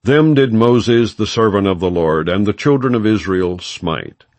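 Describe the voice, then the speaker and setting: This low-voiced man narrates a scripture audiobook with solemn, measured phrasing and a somewhat dark tone. The reading stays plain rather than dramatized, yet it sounds animated, with intonation that moves a lot. There's no echo in the dry audio.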